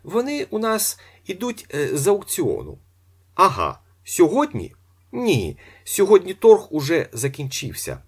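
A man voicing a curt, indifferent auction clerk in an audiobook, in a very high, clipped voice. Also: huge pitch swings, measured pace, breathy edge, full character voice. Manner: high-pitched, clipped, dismissive. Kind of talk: audiobook character voice.

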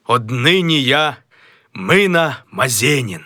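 A vain, self-important middle-aged fellow from a stage comedy, as a man reads him aloud, grandly trying out one greeting voice after another. He speaks slowly, his pitch leaping high and low in a bright, forceful tone over a dry, close sound. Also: big pitch swings, no echo, heavily acted. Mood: pompous. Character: pompous middle-aged man rehearsing a grand new name.

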